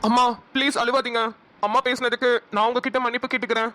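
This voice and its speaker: A woman's voice: on the high side, fairly even intonation, fast, a bit bright, natural voice. A woman voicing a remorseful grown son who pleads emotionally with his mother in a homemade cartoon. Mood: pleading. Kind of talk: cartoon voice acting.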